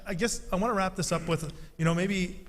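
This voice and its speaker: A man's voice: high-pitched, fairly even intonation, brisk, a bit bright, a little hiss or hum. A man hosting a church interview, encouraging and repeating his words, often checking in with "right?". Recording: long echoey reverb.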